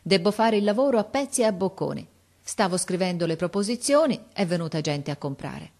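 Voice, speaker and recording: A woman voicing a cheerful, hardworking young boy who talks in a quick, lively, chatty way in an audiobook reading. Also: on the low side. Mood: eager.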